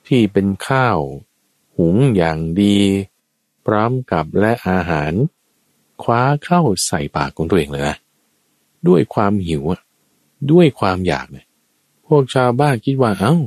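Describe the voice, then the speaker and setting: A man preaching a Buddhist sermon as a lively story, addressing his listeners and acting out the characters. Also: measured pace, long pauses, dry recording. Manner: lively storyteller, acts out quoted characters with sudden high shouts. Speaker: dharma preacher.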